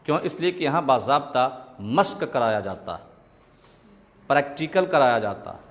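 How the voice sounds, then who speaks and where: A man's voice: medium pitch, animated, moderate pace. A man teaching Quran reading to a class, drilling sounds patiently with call-and-response. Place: classroom with students. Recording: echoey room with loud background noise.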